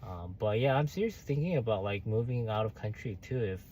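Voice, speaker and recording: A man's voice: fairly low pitch, expressive, a little fast, dark tone, a little hiss or hum. A young man, chatting casually on a livestream while reading viewer comments, hesitant with many fillers and restarts. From South Korea. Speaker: livestream host.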